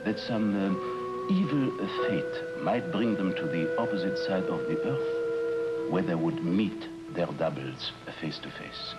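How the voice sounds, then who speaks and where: In old-time radio drama style, a deep male voice plays a fat, obsequious hotel manager on a tropical island, fawning and exaggerated, with huge swings in pitch. He speaks haltingly and hesitantly, groping for words, and the mood is ominous. It's an old radio recording with music and the high frequencies cut off.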